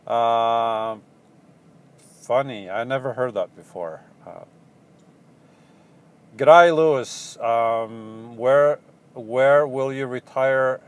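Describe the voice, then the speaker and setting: Speaking at medium pitch, this Portuguese-accented man runs a van-life vlog and fields viewer questions in a casual live chat. His answers come out halting and rambling, with lots of ums and restarts.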